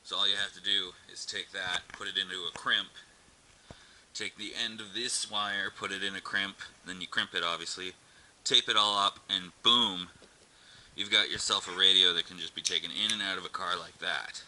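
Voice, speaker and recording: A man hosting a DIY car channel vlog narrates a hands-on job casually and offhandedly, dropping in some crude slang. His deep voice is pushed and bright, with fairly even intonation and normal speed. Noisy amateur camera audio with clicks carries the recording.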